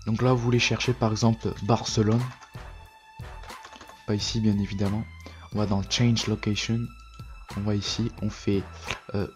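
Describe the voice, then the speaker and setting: Tired male tutorial narrator, low-pitched, hesitant and filler-heavy, soft music in the background. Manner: hesitant, many fillers and self-corrections. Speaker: tech tutorial youtuber. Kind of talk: casual screen-recorded tutorial.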